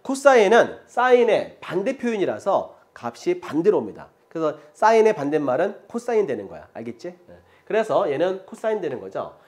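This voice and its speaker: Man, middle-aged, math teacher, slightly high, very lively pitch, chatty lecture, checks in with students. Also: moderate pace, hardly any pauses. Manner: chatty, mixes polite and casual speech, often checks in with the students; often laughs as he talks.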